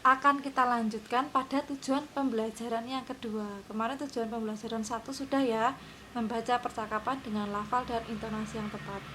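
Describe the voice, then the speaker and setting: A woman's voice: on the high side, background noise. A woman teaching a lesson to her class, explaining patiently and often checking that her students are following.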